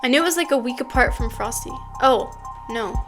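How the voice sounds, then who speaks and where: Bubbly high-voiced young woman streamer. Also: over music. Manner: bubbly, excitable, quick asides. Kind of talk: casual live-stream chat.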